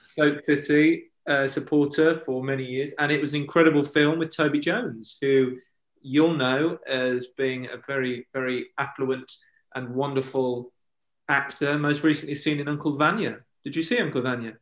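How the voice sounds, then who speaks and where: A man's voice: medium pitch, fairly even intonation, moderate pace. A man, co-hosting a casual podcast chat and telling jokey, self-deprecating stories. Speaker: podcast co-host. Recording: echoey room.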